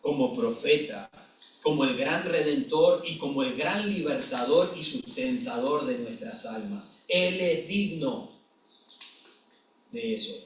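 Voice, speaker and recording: Male pastor, slow deliberate sermon delivery with a high voice, recorded distant in a very echoey room. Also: expressive, a little hiss or hum. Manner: emphatic preaching with repeated phrases. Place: church hall. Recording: echoey church hall from far off.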